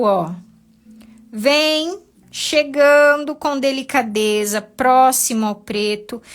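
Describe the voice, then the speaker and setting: A woman teaching a live painting class, patient and encouraging, walking her students through each step. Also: fairly high pitch.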